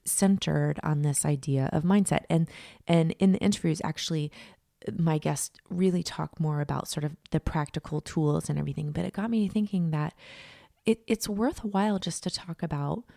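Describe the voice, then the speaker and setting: Woman podcast host, low-ish mellow voice, fresh morning rasp, earnest and reflective, dry close mic. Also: dry recording. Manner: earnest, unhurried, thinking aloud with fillers. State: morning voice, not yet warmed up. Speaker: podcast host and inner voice coach. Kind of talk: reflective solo podcast talk.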